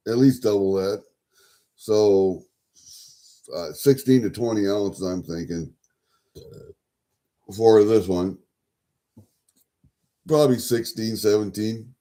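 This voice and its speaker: Low, mellow-voiced man rambling casually. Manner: folksy, sweary, thinking aloud. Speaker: livestream host. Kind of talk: casual rambling chat to viewers.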